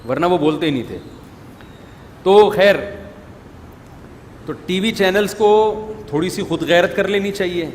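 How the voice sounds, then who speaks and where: A middle-aged male preacher and religious scholar gives an informal talk to an audience, scolding in a conversational way and firing off rhetorical questions. His voice sits a little high for a man, and he pauses often. A long hall reverb and a faint murmur of room noise fill the recording.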